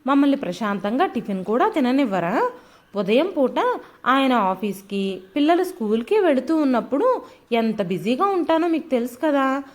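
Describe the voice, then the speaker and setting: A woman voicing a sharp-tongued young daughter-in-law who scolds sarcastically. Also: high voice, sing-song, normal speed. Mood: angry scolding.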